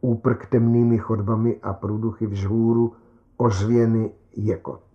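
A man narrating a story in the first person with a tense, measured dramatic reading, on a dull lo-fi recording. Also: lowish voice, flat delivery. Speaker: audiobook narrator.

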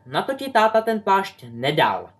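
A man's voice: high-pitched, wildly swooping pitch, fairly bright tone, voice pushed up, full character voice. A man voicing an exasperated mother scolding her son.

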